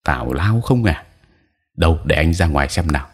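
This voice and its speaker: A man doing a gruff, impatient village husband. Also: rumbling low, lively intonation, moderate pace, heavily acted. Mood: scolding. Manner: scolding, dismissive.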